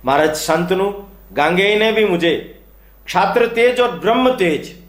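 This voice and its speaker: A young ascetic sage states his vow with earnest determination, as a man tells the story. His voice is fairly high and moves up and down a lot. It echoes in a roomy space. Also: lively intonation, unhurried.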